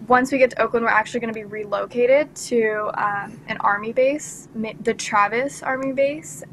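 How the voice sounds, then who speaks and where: A woman's voice: on the high side, fairly bright tone, slight background noise. A young woman speaking on a video call from a cruise ship cabin, explaining chattily with fillers.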